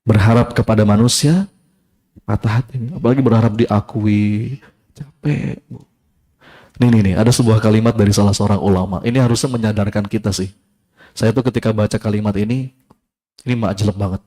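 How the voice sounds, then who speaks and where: A man giving a casual sermon to a live audience, lively, acting out voices in his story and repeating key phrases. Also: on the low side, fairly quick, long pauses. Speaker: preacher.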